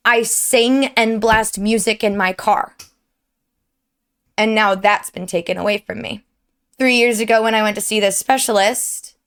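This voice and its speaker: A young streamer and YouTuber, her throat sore and strained, rambles earnestly through a personal update for viewers from her desk at home. Her voice sits a little high and has a clear, resonant tone.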